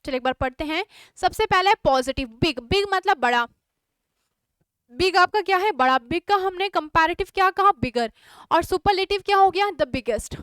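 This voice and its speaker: Teaching exam prep online, a young woman with an Indian English accent keeps things conversational, asking her students questions and moving between Hindi and English. She speaks at a normal speed in an extremely high, expressive, slightly bright voice, recorded with studio quality and no room sound.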